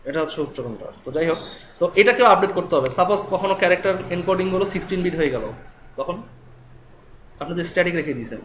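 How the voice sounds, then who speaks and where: A man with a Bangladeshi Bengali accent teaching a live web development class, explaining quickly and often checking that students follow. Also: high voice, animated, slight background noise. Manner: rapid, explanatory, asks students checking questions. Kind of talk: live classroom coding lesson. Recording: echoey room with faint ambience.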